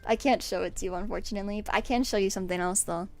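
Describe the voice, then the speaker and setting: A young woman streamer chatting casually to her viewers, bubbly and excitable, often breaking into giggles. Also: medium pitch, rapid-fire, faint music behind. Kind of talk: casual livestream chat.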